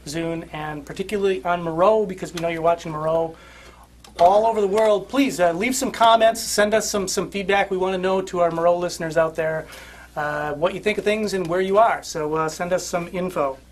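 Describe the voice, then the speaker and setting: A man's voice: high voice, brisk, slight background noise. A man from the American Midwest hosting a casual guitar shop podcast, chatting loosely with many fillers and laughs. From Midwest United States. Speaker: host, guitar shop owner.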